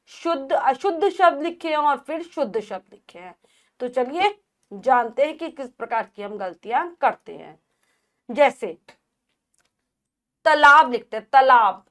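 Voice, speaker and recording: A woman teacher giving a grammar lesson to children, repeating words slowly and carefully to show the correct spelling. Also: a little high.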